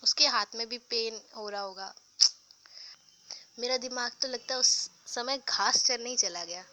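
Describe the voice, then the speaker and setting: Young female storyteller, slightly high, bright tone, does all the character voices herself. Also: unhurried. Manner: narrates and voices all characters in the same voice, with restarts. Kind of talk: casual spoken storytelling.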